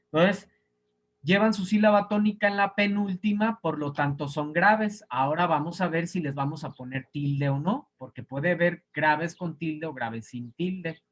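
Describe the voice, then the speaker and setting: A man's voice: fairly high pitch, a little slow. A male teacher giving an online class lecture, explaining patiently step by step and sounding out example words syllable by syllable.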